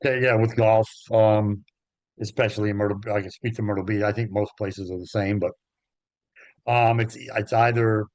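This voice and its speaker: A man who works as a golf travel agent, talking in a relaxed, halting way with many ums as an interview guest. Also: on the low side, dry recording. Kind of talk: interview conversation. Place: Myrtle Beach area.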